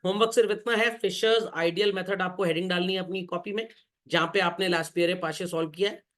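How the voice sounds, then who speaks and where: A man teaching commerce gives a jokey classroom lecture in a voice that sits high, slightly bright, with fairly even intonation. He habitually addresses the class as children and quizzes them with quick questions.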